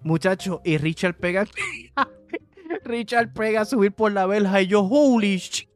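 Animated Puerto Rican man telling a story. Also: high-pitched, unhurried, soft background music. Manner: animated, laughing, slangy, mixes English words. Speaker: podcast co-host. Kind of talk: casual storytelling anecdote.

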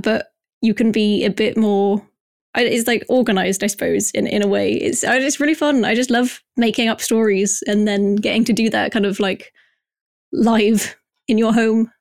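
A woman's voice: on the high side, normal speed, creaky, no echo, clean studio sound. A young woman chatting casually on a podcast and presenting the news segment, talking with lots of fillers and giggles.

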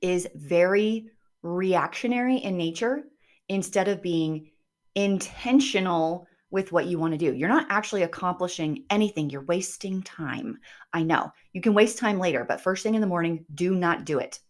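Woman, slightly low voice, upbeat tidy advice-vlogger delivery, show host, direct address, emphatic short phrases. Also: moderate pace. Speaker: host of a self-improvement show. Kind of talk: scripted advice monologue to listeners.

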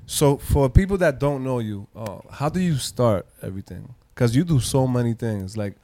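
A man's voice: medium pitch, lively intonation, normal speed, mellow. A man interviewing a podcast guest in casual, slangy, loosely phrased talk. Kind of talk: casual chat.

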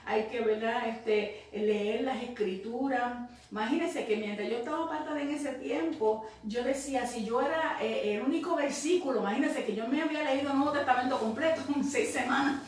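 A woman's voice: on the high side, normal speed. Fervent woman testifying in church. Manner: fervent, breaks into praise, frequent "right?" fillers. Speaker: church member giving testimony. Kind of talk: spoken religious testimony. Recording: very echoey, distant mic, faint noise.

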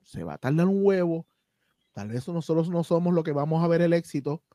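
A man's voice: on the high side, animated, a little fast, mellow, dry recording. Passionate Puerto Rican man, dry close sound. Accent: Puerto Rican Spanish. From Puerto Rico. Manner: passionate, emphatic, swears freely. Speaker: podcast host. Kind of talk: casual podcast conversation.

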